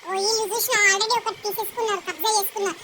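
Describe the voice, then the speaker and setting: A young girl, chatting excitedly and bossily, whispering secrets as she narrates a family vlog. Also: very high voice, racing. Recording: loud background noise.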